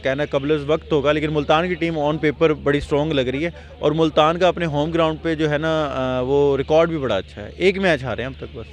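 A middle-aged man speaks with many pauses, weighing his words as he gives his views. His voice sits a little high, and he is interviewed with a handheld mic on an open stadium ground. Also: fairly even intonation. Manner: hesitant, thoughtful. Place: outdoor cricket stadium at night.

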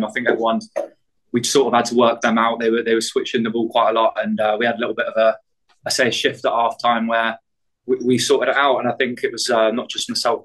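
A soccer player giving hesitant post-match answers to the press, full of fillers and restarts. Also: male voice, fairly low pitch, a bit bright, rough recording.

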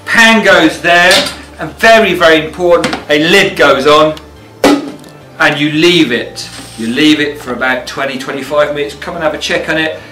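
Recorded far from the mic in a steel-surfaced commercial kitchen, a middle-aged man demonstrates cooking in an informal, plain-spoken way as a chef and cookery teacher. He speaks at a moderate pace with a fairly high pitch, and the roomy, off-mic audio includes music.

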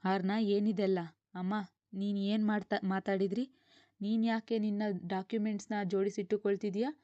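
A woman's voice: mid-range voice, flat delivery, normal speed, warm tone, no room sound, highs cut off, lightly acted. A woman voicing a spirited, hot-tempered young daughter, questioning and pleading.

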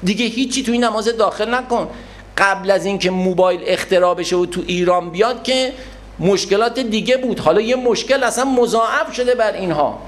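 A man giving a religious lecture on prayer, animated, acting out people in little scenes. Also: sits high. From Iran. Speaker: Quran scholar and lecturer.

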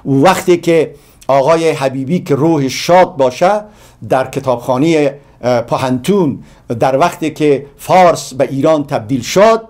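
A man's voice: fairly high pitch, darkish tone. A middle-aged man from Afghanistan with an Afghan Dari accent, giving an impassioned speech and building his points through long lists of repeated phrases. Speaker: guest speaker on a community TV program.

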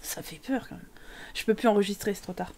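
A woman's voice: mid-range voice, quick pace, darkish tone. A woman streaming a life-sim game, joking crudely and talking to the characters on screen. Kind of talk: casual gameplay commentary.

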